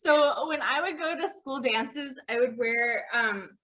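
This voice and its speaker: A woman in her forties chats casually as co-host. Her voice is high and bright. She tells self-deprecating stories and giggles through them. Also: measured pace, low-quality recording. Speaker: podcast co-host. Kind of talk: casual chat.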